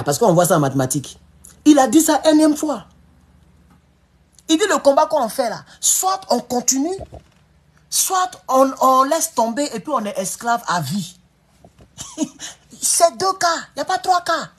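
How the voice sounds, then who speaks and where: A man giving excitable, emphatic political commentary on a live stream. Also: very high-pitched.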